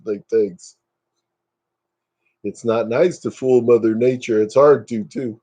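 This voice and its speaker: A man's voice: medium pitch, slow, mellow, husky. A man in his fifties hosting a casual live stream, chatting and joking at his own expense. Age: 50s. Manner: joking, self-mocking, chatty.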